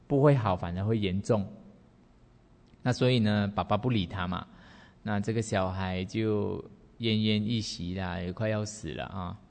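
A man tells a Buddhist teaching story at a relaxed, unhurried pace. He trails his phrases with soft particles. His voice sits low, and a long hall reverb hangs behind it. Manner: relaxed, unhurried, with many sentence-final particles. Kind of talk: storytelling dharma talk.

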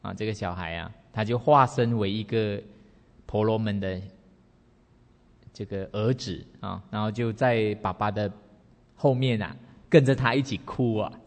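A man giving a Buddhist dharma talk as a story, relaxed and unhurried, with many sentence-final particles. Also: fairly low pitch. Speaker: Buddhist teacher. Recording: reverberant hall.

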